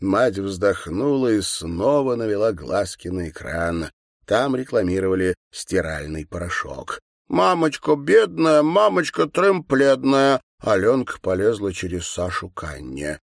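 A man narrating an audiobook in a calm, even reading manner. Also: sits low, a little slow, no echo, studio quality.

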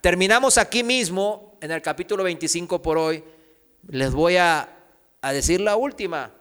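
A man's voice: high-pitched, moderate pace, a bit bright, clean tone. A man preaching a sermon, reading scripture aloud and asking his listeners questions that he answers himself. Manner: asks the congregation rhetorical questions and answers them; reads scripture aloud, raising his voice for quoted cries. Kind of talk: sermon teaching. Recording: long hall reverb.

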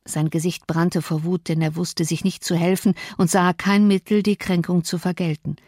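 Woman, audiobook narration, measured, lower voice, dry studio sound. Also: little pitch movement, a little mellow, no echo. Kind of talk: scripted narration.

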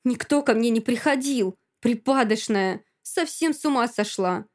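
A woman's voice: fairly high pitch, lively intonation, moderate pace, natural voice. A woman voicing a treacherous young female friend who screeches in brazen spite. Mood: scornful.

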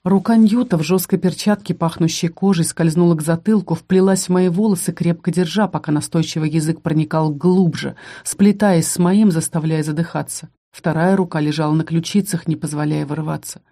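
Mellow audiobook narrator, calm reading. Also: medium pitch, fairly quick, hardly any pauses. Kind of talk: first-person audiobook narration.

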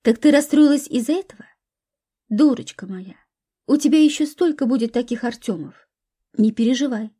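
A woman's voice: a little high, normal speed, mellow, breathy edge. A woman voicing a caring, protective young woman in a storybook reading, speaking earnestly. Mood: concerned.

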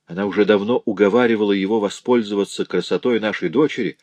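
A man's voice: lowish voice, steady tone, quick pace, darkish tone, no echo, lightly acted. A man voicing a poor, grieving woman who tells of her husband's cruelty in a sorrowful, pleading way.

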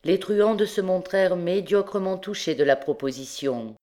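Female audiobook reader, measured, expressive narration. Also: lowish voice.

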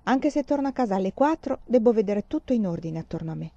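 A suave young man, coaxing and sure of himself, as a woman reads him aloud in a storybook. The voice is mellow and dark, and the recording is dry and a little muffled. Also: mid-range voice, expressive, fast, dry recording.

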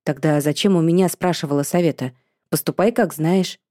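A sarcastic, laid-back young man, as a female narrator plays him, with his voice dropped lower and delivered with quick, offhand dryness. The tone is dark and mellow, recorded close and dry. This is storybook dialogue. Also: dry recording, natural voice. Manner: dry, teasing, unhurried.

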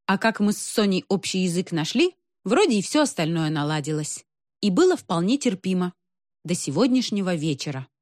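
A woman reading a first-person story aloud in an ironic, expressive manner. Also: mid-range voice, dry recording, clean studio sound. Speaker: narrator.

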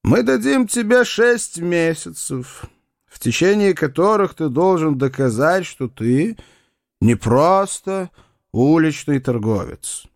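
A stern, pompous older doctor lays down terms slowly and deliberately, voiced by the male narrator. His pitch lifts and drops for emphasis, and the sound is close and dry. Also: lively intonation, no echo. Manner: pompous, measured.

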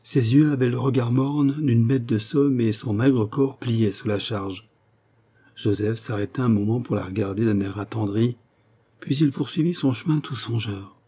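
Dark-voiced male audiobook narrator. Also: medium pitch, moderate pace, slightly rough. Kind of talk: scripted narration of a novel.

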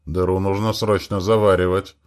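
A man reading a first-person science fiction audiobook with animated storytelling. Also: low-pitched, moderate pace. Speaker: audiobook reader.

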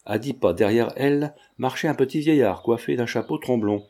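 Man, audiobook narration, scripted, steady, dark mellow tone. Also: medium pitch, moderate pace.

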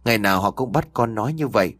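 A man's voice: fairly low pitch, expressive, racing, a bit bright, no echo. A man reading as a troubled young wife.

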